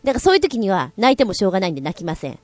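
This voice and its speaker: A woman's voice: medium pitch, racing, no echo. Female co-host with a bouncy, playful delivery and a dry, close sound. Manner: animated, playful storytelling with giggles; acts out quoted lines in exaggerated voices. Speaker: radio show co-host. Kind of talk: casual chat.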